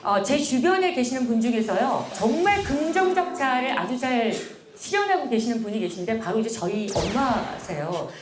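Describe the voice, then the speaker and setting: A woman giving an animated, playful motivational lecture to a hall of soldiers. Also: on the high side, moderate pace, a crowd in the background. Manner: animated, playful, addresses audience directly.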